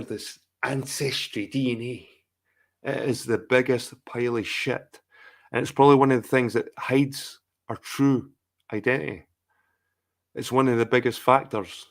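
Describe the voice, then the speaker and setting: Speaking in a creaky, mid-range voice, a middle-aged English man hosts a live chat stream. His casual rant is profane and rambling, and he keeps repeating himself.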